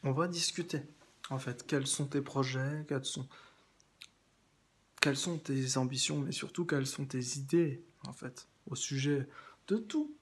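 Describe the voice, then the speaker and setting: A French video blogger with a mid-range, slightly rough voice speaks at a measured pace directly to one absent person. His long monologue meanders, with frequent repetition and restarts.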